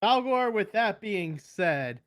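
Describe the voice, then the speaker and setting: A player describing what a character does, in an unhurried, drawn-out way. The sound is dry and close. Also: medium pitch, expressive, a bit bright, no echo. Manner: narrates own character in third person, drawn-out.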